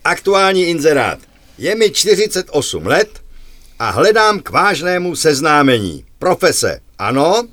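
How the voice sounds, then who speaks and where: Lively man telling jokes on radio. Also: a little high, no echo. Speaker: radio joke teller.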